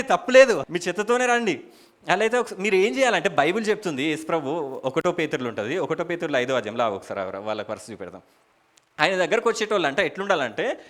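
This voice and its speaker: A man preaching a church sermon in a Telangana Telugu accent, with shouted hallelujahs and rhetorical questions. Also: sits high. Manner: soft murmured prayer at the start. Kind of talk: church sermon with opening prayer.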